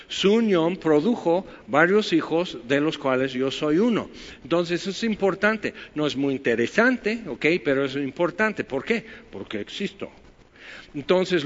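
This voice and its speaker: A Mexican man with a Mexican Spanish accent, preaching a conversational sermon full of rhetorical questions and wry asides. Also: on the high side. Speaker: pastor. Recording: muffled with long hall reverb.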